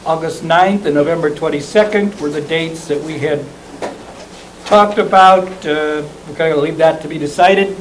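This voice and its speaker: A man, a board member, reading a meeting agenda aloud in a plain, steady way, with small asides. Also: on the high side, moderate pace, slight background noise, poor audio.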